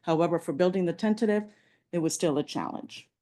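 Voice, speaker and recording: A woman's voice: lowish voice, brisk, warm tone. A woman presenting slides at a public planning meeting, walking through figures with frequent fillers like "um". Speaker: transportation agency presenter.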